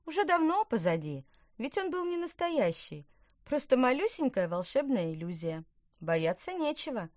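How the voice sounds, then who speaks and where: A lively little witch chats in a high, breezy storybook voice, as the reading woman puts her on. The sound is close and dry. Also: normal speed, no room sound. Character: cheerful young witch girl, lively.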